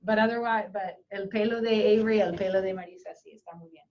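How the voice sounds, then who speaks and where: A woman's voice: medium pitch, fairly even intonation, quick pace, slight background noise. Woman, Spanish teacher, encouraging, easygoing, classroom, far from the mic, dull sound. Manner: chatty, encouraging, mixes Spanish and English. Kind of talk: classroom lesson. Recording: muffled classroom audio from a distant camera.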